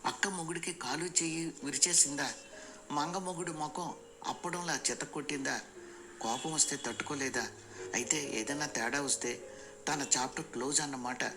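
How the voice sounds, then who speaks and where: A man narrating a comic audio story in an expressive, lively way. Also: on the high side, normal speed. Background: background music.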